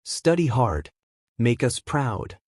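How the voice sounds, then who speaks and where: A young man voicing a strict, tired middle-aged father who urges slowly and sternly. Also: mid-range voice, sing-song, a little mellow, no echo, studio quality.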